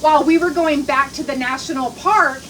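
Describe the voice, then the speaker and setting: A woman's voice: sits high, normal speed, a bit bright, slight background noise, rough recording. A middle-aged woman, telling a rambling story in a casual cooking vlog, full of fillers and restarts. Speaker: cooking vlogger.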